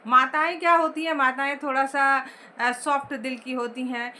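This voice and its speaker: A woman's voice: high-pitched, fairly even intonation, moderate pace, sharp tone, a little hiss or hum. A woman teacher explaining a story chapter line by line, asking the class questions as she goes.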